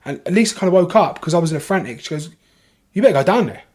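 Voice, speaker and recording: A man with a London accent talking as a podcast guest, his voice sitting a bit high for a man. He tells his story in a casual, animated rush, swears freely and keeps restarting his sentences. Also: quick pace, breathy edge.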